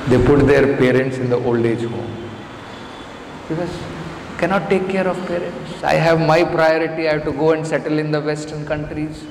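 A middle-aged man with an Indian accent delivers an emphatic scripture lecture with everyday examples, repeating phrases for stress, in a slightly high, steady voice at normal speed. He speaks into a close stand microphone in an indoor temple lecture room. The hall adds roomy reverb over faint background noise.

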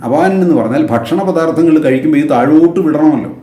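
A man giving a religious lecture on a Sanskrit hymn, patiently explaining with everyday examples and slowly drawing out the sacred names. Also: fairly high pitch, warm tone, roomy sound. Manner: slow, drawn-out chanting of sacred names.

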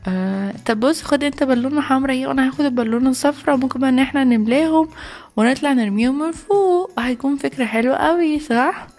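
A woman's voice: sits high, fast, a little mellow. A woman with an Egyptian accent voicing a giggly, chatty schoolgirl accomplice in a toy play video. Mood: eager. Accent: Egyptian Arabic.

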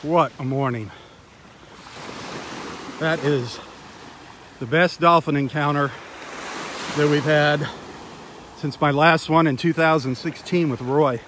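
A man's voice: fairly high pitch, takes it slowly, long pauses. A man hosting a live beach walk stream outdoors, chatty and enthusiastic as he talks straight to his viewers through a handheld phone. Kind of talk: casual live-stream narration. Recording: loud outdoor noise of surf and wind.

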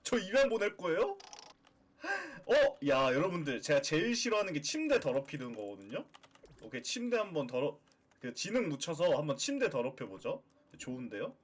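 A man streaming a game as a VTuber, chatting playfully with viewers and breaking into excited cheers. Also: on the high side, moderate pace. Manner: playful, excitable, shouts and cheers while playing. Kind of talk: live game stream chat.

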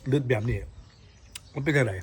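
A man's voice: mid-range voice, fairly quick, a little hiss or hum. A man with an Isan accent, from northeastern Thailand, chatting casually as a food vlogger while tasting food.

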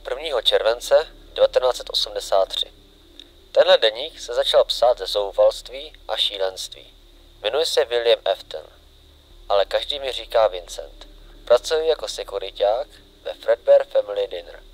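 A man voicing a psychopathic adult male night guard who growls snide remarks and reads his diary loudly. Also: fairly low pitch, expressive, lightly acted, poor audio. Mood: manic, loud.

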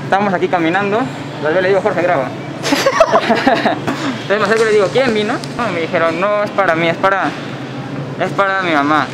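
A young man, vlogging and retelling street encounters in a quick, animated way, quoting what was said. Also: sits high. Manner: fast, animated retelling with quoted lines. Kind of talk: casual storytelling. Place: indoor shopping mall and supermarket. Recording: loud mall background noise.

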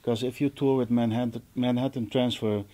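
A Dutch-accented man in his forties, a host and percussionist, chats casually with fellow musicians in an indoor music studio with a stage setup. His medium-pitched voice is mellow with little pitch movement, and he talks briskly.

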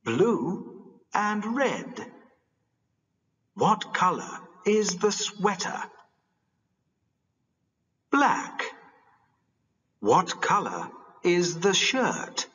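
A man reading a scripted language-course drill in a deliberate, exaggerated way for children. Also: high-pitched, huge pitch swings, a bit bright, full character voice. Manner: very clear, deliberate, exaggerated intonation. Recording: reverberant playback of course audio.

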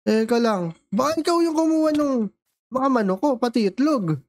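A man with a Filipino accent doing playful Minecraft roleplay banter, swinging between high excited shouts and low mutters. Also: normal speed, no room sound.

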